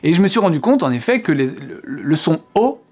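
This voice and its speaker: A man's voice: fairly high pitch, big pitch swings, fairly quick, darkish tone. A man giving an explanatory video lesson as an English teacher, patiently repeating words to show how they sound.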